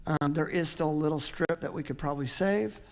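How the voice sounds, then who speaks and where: A man's voice: on the high side, brisk. A man on a charter commission, earnestly explaining his reasoning at length in a public meeting discussion. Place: large council chamber. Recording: echoey meeting room.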